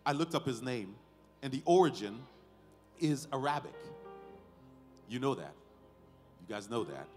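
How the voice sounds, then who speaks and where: A mid-range, darkish male voice with big pitch swings belongs to a pastor officiating a baby dedication, preaching to family and congregation. He speaks in deliberate short phrases, stressing words emphatically and asking rhetorical questions, while the large indoor sanctuary echoes and faint music sounds behind.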